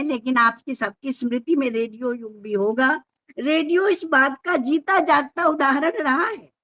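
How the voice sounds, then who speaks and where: A woman with a high-pitched, fairly bright voice delivers a formal, measured lecture on scripture. She explains step by step and now and then restarts words.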